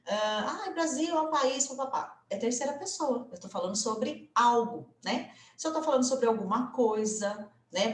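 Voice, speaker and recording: A Brazilian woman teaching English grammar in a casual video lesson, chatty and full of little tag questions, slowing down to spell out example phrases. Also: medium pitch, reverberant. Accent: Brazilian Portuguese.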